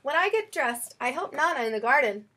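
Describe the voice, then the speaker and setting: A woman reading a children's picture book aloud in an expressive, storytelling way. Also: sits high, brisk, slight background noise. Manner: expressive, acts out quoted lines.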